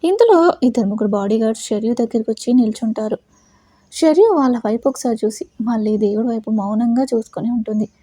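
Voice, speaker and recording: A woman's voice: on the high side, animated, quick pace, warm tone, slightly rough, no room sound. A woman narrating a romantic audio story in a dramatic storytelling manner.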